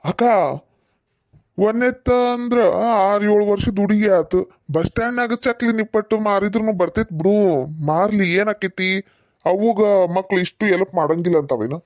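Casting: cartoon uncle from North Karnataka, sly plotter, mid-pitched, dry, someone voicing him. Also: normal speed, dry recording, close to an everyday voice. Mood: coaxing. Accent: North Karnataka Kannada. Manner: conspiring, smooth-talking. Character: scheming grown man uncle, stepmother's brother. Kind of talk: cartoon voice acting.

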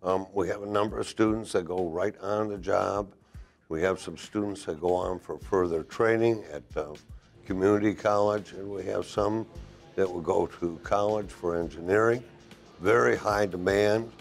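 A very low-voiced man in his sixties speaks as a welding instructor, listing points slowly with pauses. He is recorded on a lapel mic in a classroom. Soft guitar music plays faintly beneath him. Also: fairly even intonation, creaky. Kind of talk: interview answers to a program video. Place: classroom, indoors.

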